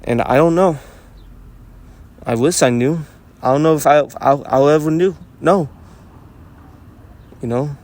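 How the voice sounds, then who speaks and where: A man's voice: on the high side, unhurried, long pauses, a little mellow. A man in a casual unscripted monologue, musing aloud and rambling, swearing freely and restarting his sentences. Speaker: vlogger talking to himself.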